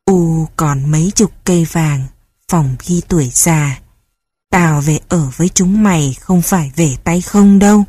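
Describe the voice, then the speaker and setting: A woman voicing a stern, foul-mouthed elderly mother who gives commands and wails in lament, slowly and huskily. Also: low-pitched, warm tone, slightly rough, no room sound. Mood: gruff. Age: older.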